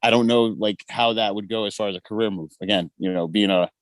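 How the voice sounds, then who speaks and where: A man's voice: fairly low pitch, fast talker, dry recording. A man in his forties calling in over a video call, chatting casually, hesitant and often stammering and repeating himself. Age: 40s. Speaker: caller. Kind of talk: casual chat.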